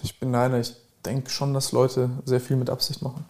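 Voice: mid-range voice, flat delivery, normal speed, darkish tone. A podcast host asking questions and thoughtfully paraphrasing the guest's answers. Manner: reflective, paraphrases what the guest says. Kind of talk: interview questions.

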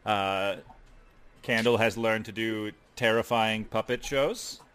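A man's voice: lowish voice, steady tone, slow pace, a bit bright, clear, resonant tone. A man chatting casually and jokingly as he improvises at a tabletop role-playing game.

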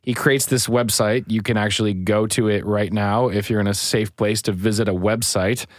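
A man with a fairly low voice chats casually as a podcast co-host. He is loose and jokey, and a little self-deprecating. The sound is dry and close to the mic. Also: fairly even intonation, normal speed, no room sound.

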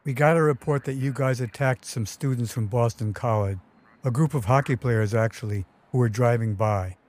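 A man's voice: medium pitch, normal speed, a little mellow, a little hiss or hum, natural voice. A man reading as a businesslike male police officer.

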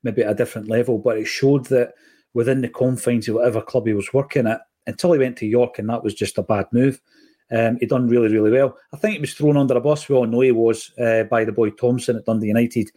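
A man's voice: mid-range voice, fast talker. A man with a Scottish accent, co-hosting a podcast and telling football stories in casual chat. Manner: storytelling, animated when quoting others. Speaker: podcast co-host.

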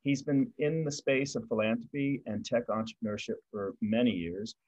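A man hosting an interview podcast, introducing his guest and asking questions in a friendly, measured way. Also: mid-range voice, steady tone, a little mellow, lo-fi sound. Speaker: podcast host.

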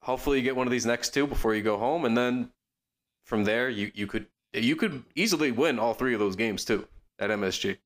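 A man co-hosting a podcast, talking casually about basketball in a quick, rambling way with lots of fillers and restarts. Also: medium pitch, fairly bright tone. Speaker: podcast co-host. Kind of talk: casual sports chat.

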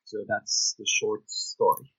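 A middle-aged man, a Bible professor answering interview questions in a careful, deliberate, academic way, on dull, lo-fi remote audio. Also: lowish voice, level tone, fairly bright tone, breathy edge, dry recording. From Switzerland. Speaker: guest author, Bible professor.

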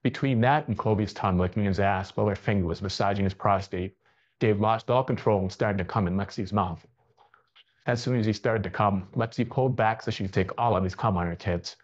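A man narrating a story aloud in a plain, steady reading manner, on a dull lo-fi recording. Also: fairly low pitch, brisk.

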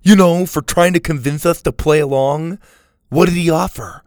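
A man's voice: on the high side, moderate pace, darkish tone, no echo, studio quality, voice pushed up, lightly acted. A man doing a brash, needling teenage boy. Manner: needling, mocking.

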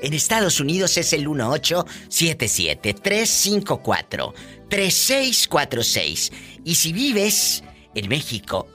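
A man's voice: fairly high pitch, huge pitch swings, slow, sharp tone, soft background music. A man hosting a live radio call-in show, flamboyant, gossipy and teasing.

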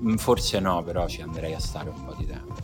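Male co-host, low voice, casual conversation over faint music. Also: expressive, a little fast. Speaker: podcast co-host. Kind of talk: casual chat.

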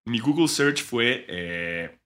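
Recording remotely from home, a young man with a Mexican accent co-hosts a casual sports podcast, cracking crude jokes and swearing freely. His voice is mid-range, animated and a bit bright, and he speaks slowly.

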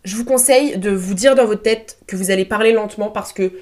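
A woman's voice: medium pitch, a little fast, a little mellow. Chatty young French woman podcasting. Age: young adult. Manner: chatty and informal, with slang and frequent fillers. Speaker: podcast host. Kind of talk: casual solo podcast talk. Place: room at home, seated on a chair.

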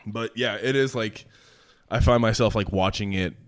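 At normal speed and with no echo, a fairly low-pitched young man talks casually. In his twenties and playing football professionally, he tells stories in a laid-back way, laughing often and leaning on lots of fillers.

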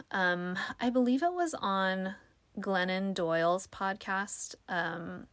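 A young woman chats casually on her own podcast, her soothing voice sitting on the low side with a bit of brightness and no room sound. She is self-deprecating and fills her talk with lots of fillers.

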